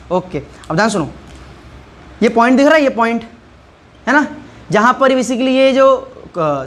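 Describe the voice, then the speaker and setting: A man's voice: high-pitched, a bit bright. A man teaching, quizzing and repeating. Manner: asks questions and answers them himself, repeating key terms; checks understanding often with rhetorical prompts. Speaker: biology teacher. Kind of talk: online class lecture.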